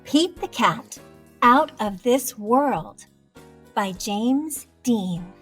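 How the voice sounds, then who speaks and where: A woman reading a children's storybook aloud, gentle and expressive. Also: fairly high pitch, very slow, soft background music. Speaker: children's book reader.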